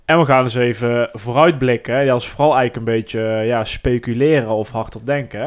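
A man's voice: mid-range voice, brisk. Male co-host, easygoing chat, hesitant delivery. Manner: relaxed, hesitant with fillers. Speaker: podcast co-host. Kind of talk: casual chat.

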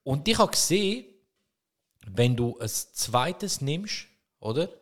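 A man in his thirties with a Swiss German accent, co-hosting a podcast and telling a story in casual comedic chat, growing loud as he acts out an argument. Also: fairly high pitch, takes it slowly. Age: 30s. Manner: animated, swings loud when reenacting arguments. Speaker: podcast co-host.

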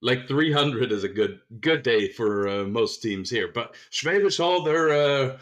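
Male podcast host, mid-pitched, casual and chatty, laughs easily. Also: lively intonation, a little slow. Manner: chatty, laughs often, stumbles on words. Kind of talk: casual sports podcast chat.

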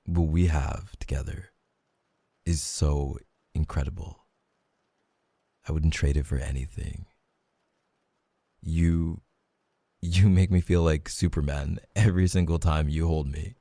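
A young man in a whispered role-play, talking softly and intimately as a reassuring boyfriend. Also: steady tone, a little slow, long pauses, no echo. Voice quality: gravelly, husky low voice. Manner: soft, intimate, reassuring talk to the listener.

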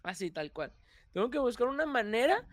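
A young man with a Mexican Spanish accent, talking as a guest in a casual interview, animated and quick to laugh. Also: very high-pitched, no echo. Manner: animated, laughs often, restarts phrases. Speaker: YouTuber guest.

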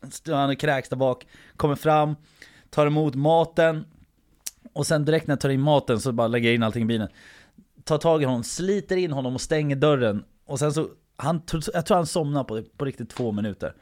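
Casual man telling a story. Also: a little high. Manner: animated anecdote-telling, acts out quotes, swears casually.

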